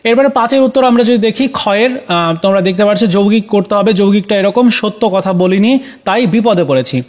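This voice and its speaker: A man teaching, going through exam answers one by one, talking straight to his students, often pausing on fillers. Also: high-pitched. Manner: hesitant, many fillers; addresses students directly.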